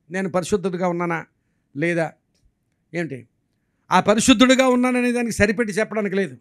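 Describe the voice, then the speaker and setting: A man with a notably high voice preaches a sermon. He tells stories with animation and acts out the dialogue in different voices. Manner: animated storytelling with acted-out dialogue. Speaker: pastor.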